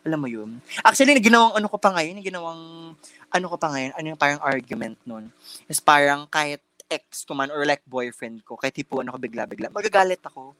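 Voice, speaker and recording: Recorded with no room sound, a young man co-hosting a casual podcast tells a story in chatty Taglish with many fillers, restarts, and bits of campy slang. His voice is a little high, expressive, brisk, pushed and bright.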